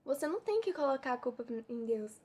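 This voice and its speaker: Mineiro woman preaching casually, pretty high voice, keeps asking "you see?". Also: sing-song, fast talker, a little mellow. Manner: preachy, full of rhetorical questions. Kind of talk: informal devotional sermon.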